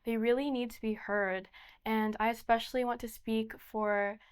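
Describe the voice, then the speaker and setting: A woman's voice: fairly high pitch, level tone, moderate pace, smooth. A young woman giving earnest interview answers as a pageant candidate. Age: young adult.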